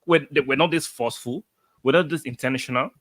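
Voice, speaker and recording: A man's voice: medium pitch, a little fast, a bit bright, no room sound. A man hosting a live football reaction stream, talking emphatically, repeating his points and reading out viewer comments. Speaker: football fan livestream host. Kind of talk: excited match reaction livestream.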